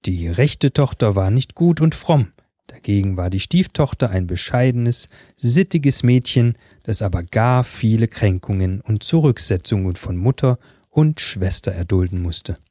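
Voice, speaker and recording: Calm male fairy-tale reader, dark tone, dry studio sound. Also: fairly low pitch, a little slow, no room sound. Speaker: storyteller.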